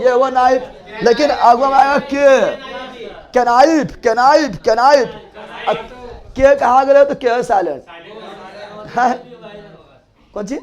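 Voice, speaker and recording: A man teaches a class, speaking in a very high voice. He repeats each key word again and again and quizzes his students in loud call-and-response. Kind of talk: classroom lecture.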